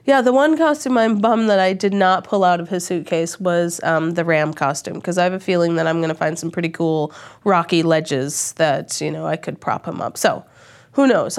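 A woman's voice: fairly low pitch, gravelly. A young woman from Minnesota with a stuffed-up voice from a cold, chatting casually in an interview about her van travels. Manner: chatty, rambling with restarts. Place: lodge room at a campground.

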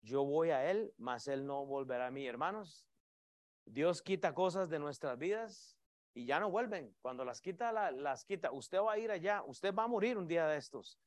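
A middle-aged man, preaching a sermon with emphatic swings in loudness and often calling his listeners brothers. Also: fairly high pitch, lively intonation, moderate pace, dry recording, studio quality. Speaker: pastor.

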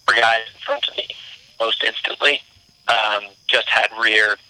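A man talking as a cyclist guest in a remote interview over a call connection that keeps cutting out, relaxed and full of fillers. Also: on the low side, a little slow, low-quality recording. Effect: breaking-up call connection.

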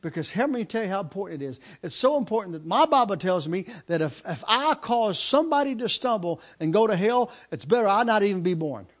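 High-voiced preaching man in his fifties. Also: big pitch swings, a little fast, few pauses. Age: 50s. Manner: impassioned preaching with repeated phrases and restarts. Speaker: pastor. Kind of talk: sermon.

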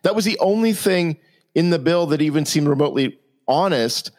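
A man co-hosting a political talk show, arguing in an incredulous, animated way. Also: brisk. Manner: incredulous, animated, rising to high exclamations. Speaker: co-host.

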